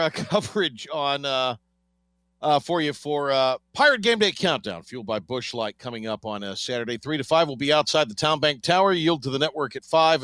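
Rambling radio host, fillers galore. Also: male voice, a little high, a bit bright, no echo. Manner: rambling, many fillers and restarts. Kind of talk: casual radio talk.

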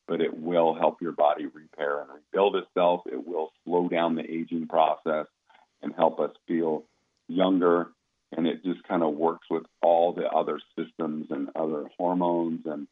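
Deep-voiced man on a tinny line. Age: 50s. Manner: easygoing, explanatory, repeats words as he restarts. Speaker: company founder talking about supplements. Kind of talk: casual interview talk.

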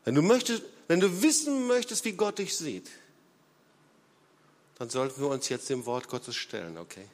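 A man preaching a sermon as pastor, emphatic, with big swings in loudness and frequent hesitation fillers, in a church hall. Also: a little high, lively intonation, moderate pace, long pauses. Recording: long hall reverb.

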